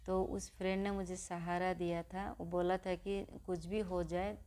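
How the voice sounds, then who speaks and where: A young woman speaking to her vlog viewers, her voice sitting low and staying level. She tells a personal story haltingly, stopping and restarting often. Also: level tone, warm tone. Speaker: vlogger.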